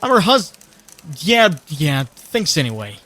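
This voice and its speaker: A man's voice: a little high, big pitch swings, a little slow, sharp tone, full character voice. A man voicing an anxious, wisecracking young superhero in a comic dub, talkative and earnest. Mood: stressed, brooding.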